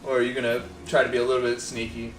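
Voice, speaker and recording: A man's voice: medium pitch, monotone, rapid-fire, echoey room, far from the mic, loud music behind the voice, low-quality recording. Laid-back man narrating as game master. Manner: casual, laughing often.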